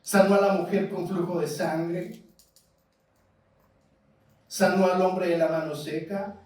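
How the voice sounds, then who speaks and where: A man's voice: high-pitched, steady tone, slow pace, a little mellow. A man preaching a sermon with a Mexican Spanish accent, asking his congregation question after question. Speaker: pastor. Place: church hall. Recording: echoey church hall, mic at a distance.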